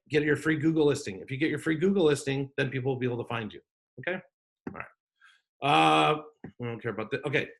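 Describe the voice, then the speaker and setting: Chatty, gravelly man hosting a workshop. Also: on the high side, fairly bright tone. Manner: joking, chatty, off-the-cuff. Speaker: workshop host. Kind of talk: online business workshop talk. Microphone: video call.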